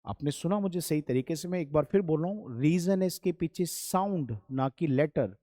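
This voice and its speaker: A man teaches English grammar in a classroom lesson, his expressive voice on the high side, mellow, and moderately paced, captured in a dry, clean studio recording. Patient and repetitive, he goes over points again and calls his students "beta" and "bachhon" as if they were children.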